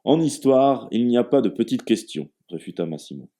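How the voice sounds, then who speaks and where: A man's voice: mid-range voice, sing-song, normal speed, warm tone, pitched above the performer's own voice. A man voicing a boisterous, hearty older Italian host who hammers his words. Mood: jovial.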